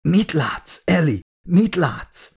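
A man's voice: a little high, very animated, creaky, husky, voice pushed up, exaggerated voice. A man voicing an ill male scientist in an audiobook, strained, short of breath and insistent. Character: sick weakening man, a scientist.

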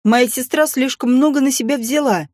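A man's voice: very high-pitched, moderate pace, darkish tone, dry recording, clean studio sound, voice pushed up. A man reading an audiobook voices a brazen, scheming young mother with a sly, mocking, venomous manner.

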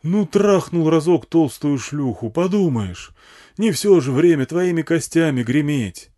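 A man's voice: a little high, animated, a little slow, dark tone, voice pushed up. A man reading an audiobook voices a crude wasteland gang boss who bellows pleas and insults at his wife over a megaphone.

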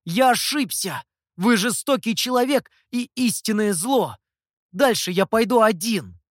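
Guy doing a young hotheaded scribe for an audiobook, high pitched, upset and pleading. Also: expressive, moderate pace, dry recording, clean studio sound. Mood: indignant. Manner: pleading, indignant. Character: earnest young male scribe, idealistic and hot-tempered. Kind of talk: audiobook character voice.

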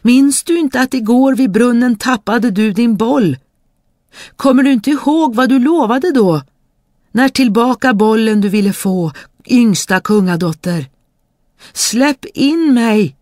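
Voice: mid-range voice, lively intonation, a little mellow, dry recording, clean studio sound. A reader voicing an insistent male frog who calls out shrilly in a fairy tale reading. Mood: pleading calls. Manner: calls out shrilly, croaks kvack. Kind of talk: storybook reading.

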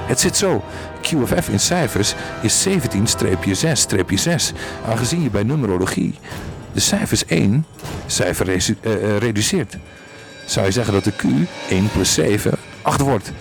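Gravelly low-voiced man reading a story. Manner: reads aloud with small slips and restarts, jumps higher for quoted lines. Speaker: podcast storyteller. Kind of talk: narrated story with voiced characters. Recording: faint music behind.

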